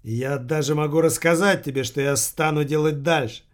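A man's voice: fairly high pitch, steady tone, fairly quick, natural voice. A man voicing a deranged engineer giving a pompous, contemptuous speech over the radio.

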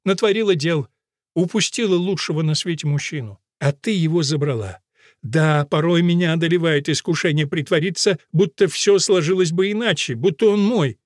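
A man's voice: fairly high pitch, normal speed, no echo, studio quality, natural voice. A man reading an audiobook aloud and voicing a middle-aged village woman who earnestly pleads with her old rival. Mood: confessional. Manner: pleading, confessional.

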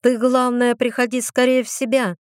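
Woman voicing a lively young student mage. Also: fairly high pitch, normal speed, smooth, dry recording, studio quality, pitched above the performer's own voice, natural voice. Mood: bright.

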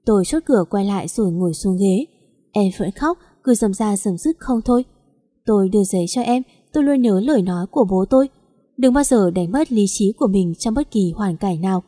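A woman narrating a dramatic first-person audio story in a steady, somber way. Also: medium pitch, a little fast, long reverb tail.

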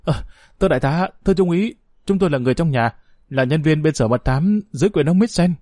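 A man voicing a frightened male henchman who pleads for mercy in a higher, strained voice. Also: animated, fast, dark tone, no echo, studio quality. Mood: pleading.

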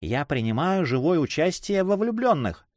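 A man voicing a quick-witted, mischievous young noblewoman who teases and laughs at the lovers. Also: a little high, no room sound, clean studio sound, voice pushed up. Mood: teasing. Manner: mocking, laughing, lively.

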